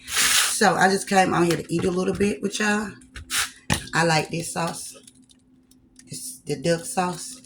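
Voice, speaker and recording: A woman's voice: on the low side, steady tone, a little slow, long pauses, heavy background noise. A woman vlogger chatting casually while she eats on camera, repeating phrases and slipping in preachy, folksy asides.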